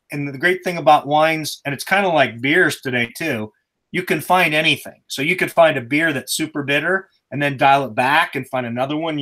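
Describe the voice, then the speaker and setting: A man's voice: a little high, pushed and bright. A middle-aged man, a dad chatting on a family video call, joking and rambling through long explanations. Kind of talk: casual chat.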